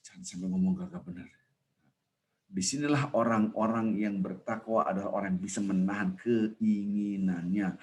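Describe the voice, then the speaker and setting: A man preaching a casual, jokey sermon, swinging from loud emphatic rises to soft asides. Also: on the low side. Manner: animated, with sudden loud rises and soft drops; jokey, conversational teaching.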